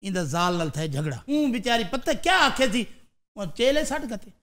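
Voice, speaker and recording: A man's voice: sits high, big pitch swings, normal speed, a bit bright. A man playing a bossy Saraiki jail guard. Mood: grumbling. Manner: barking orders, bossy. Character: stern Saraiki-speaking jail guard, male.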